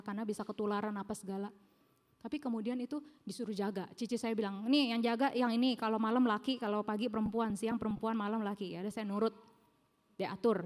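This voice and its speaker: A middle-aged woman preaching a sermon, telling her own story in an animated way and acting out the voices of people she quotes. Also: a little high. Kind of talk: sermon with personal testimony. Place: large church hall. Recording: long church hall reverb.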